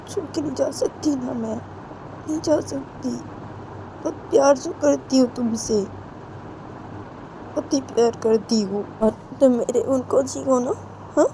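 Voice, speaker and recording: A woman voicing a tender young woman who gently coaxes her weeping partner, asking "haan?" after almost every line. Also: sits high, noisy background, voice pushed up.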